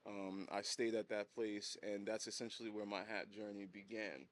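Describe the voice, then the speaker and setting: A hat brand designer in his thirties, born and raised in Haiti, recounts his story as a podcast guest in casual interview storytelling. His lowish voice holds a level tone at normal speed, and he stays laid-back, frequently chuckling and repeating words.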